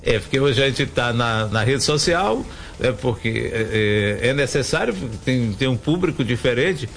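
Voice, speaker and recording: A man's voice: medium pitch, animated, unhurried, fairly bright tone, faint music behind. A middle-aged man hosting a local radio interview, chatty and rambling with many restarts. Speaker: radio host.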